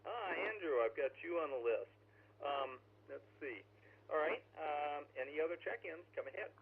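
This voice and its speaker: A man's voice: fairly high pitch, expressive, moderate pace. A man with a chatty, folksy manner hosts a casual amateur radio net like a pirate radio broadcast, heard over a two-way radio. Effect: two-way radio transmission. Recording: tinny narrowband radio transmission, faint hum.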